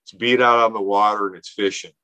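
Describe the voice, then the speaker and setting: A man in his fifties who founded a nonprofit talks fast and earnestly as a podcast guest in a casual interview, rambling and frequently restarting sentences with fillers. His fairly low, steady voice sounds sharp yet clean. The recording has no echo but is low quality.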